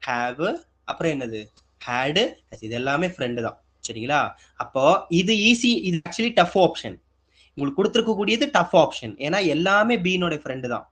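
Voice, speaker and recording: Higher-pitched male teacher going over grammar for an exam, keeps quizzing the class and answering himself. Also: fairly bright tone. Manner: asks students questions and answers them, repetitive. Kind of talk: exam-prep grammar lesson.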